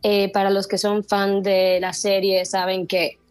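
A young woman from the Dominican Republic talks with a neutral Latin American Spanish accent. She sounds earnest and lively, with a mid-range voice. The sound is dry and close, with no room around it. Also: mid-range voice, measured pace, no room sound, soft background music. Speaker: actress, interview guest. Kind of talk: casual interview talk.

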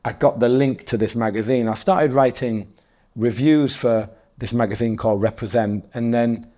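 A man's voice: mid-range voice, fairly even intonation, normal speed, warm tone. A man in his forties talking as a guest in a casual interview, rambling and correcting himself, often breaking into laughs. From North East England.

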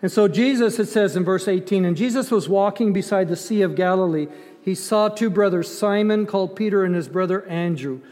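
With a high-sitting, darkish voice and a slightly fast delivery, an older Ethiopian-raised man gives a sermon. He is emphatic but conversational, using rhetorical questions and dramatized asides. The sound carries a long hall reverb.

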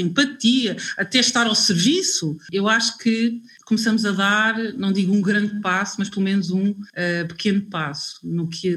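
A woman's voice: medium pitch, a bit bright. A woman from Angola, speaking on a discussion panel, hesitant and searching for her words with many fillers.

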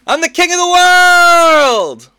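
A man's voice: extremely high pitch, lively intonation, slow pace, bright, forceful tone, no echo. A man hosting a podcast, reading scripted entertainment headlines with casual asides. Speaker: podcast host.

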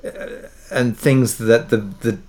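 Medium-pitched and slow, his voice has a steady, darkish tone. This British audio drama creator in middle age, who spent part of his upbringing in Kuwait, is a reflective interview guest, pausing thoughtfully and reworking his phrasing.

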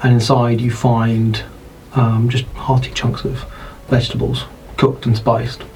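A man's voice: mid-range voice, flat delivery, vocal fry, a little mellow, a little hiss or hum, low-quality recording. British man narrating a tabletop game. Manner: unhurried descriptive narration with fillers. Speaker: dungeon master.

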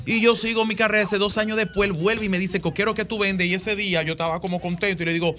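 A man, a singing guest on a radio show, telling a story in an animated way, acting out dialogue and singing bits. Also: high voice, quick pace, slight background noise. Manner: animated, acts out dialogue and sings. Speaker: singer, guest.

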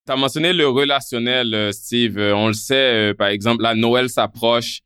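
A man in his thirties with a Creole-tinged French accent, hosting a podcast interview in an earnest way, often pausing on "euh". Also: mid-range voice, steady tone, pushed and bright, clean tone, no echo, studio quality. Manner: earnest, with frequent "euh" fillers. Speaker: podcast host.

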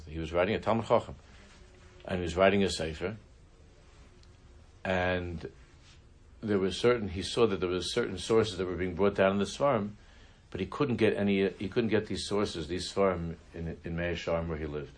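A man teaching a religious class, telling a story in a halting way, often restarting his sentences. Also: deep voice. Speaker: Torah teacher.

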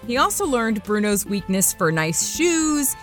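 A woman narrates a storytelling podcast, her pitch rising and falling in a lively, animated way. She breaks off for playful, chatty asides to the listener. Faint music plays underneath her voice. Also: a little slow.

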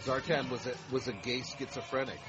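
A man co-hosting a casual podcast, teasing the others with deadpan jokes. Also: medium pitch, brisk, muffled recording, music in the background. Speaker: podcast co-host.

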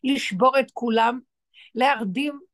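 High-voiced woman giving a religious talk. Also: a bit bright, no room sound. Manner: emphatic, full of rhetorical questions. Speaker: spiritual teacher.

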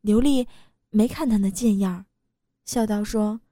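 A woman's voice: mid-range voice, measured pace, mellow, no room sound, clean studio sound. A woman reading a first-person story aloud, in an earthy, matter-of-fact way. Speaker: story reader. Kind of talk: scripted first-person narration.

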